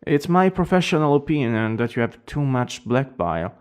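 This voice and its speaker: A man playing a cold, formal plague doctor in a role-play, speaking with an Italian accent in a gravelly, deliberate, clinical manner. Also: mid-range voice, sing-song, lightly acted. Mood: grave, lecturing. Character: cold, eerily polite male plague doctor.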